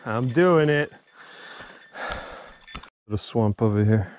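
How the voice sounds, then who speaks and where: A man narrating casually while hiking a forest trail outdoors, relaxed and chatty, a little out of breath from climbing, recorded on a handheld camera mic. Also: mid-range voice. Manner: relaxed, chatty, pauses between short remarks. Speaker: hiking vlogger.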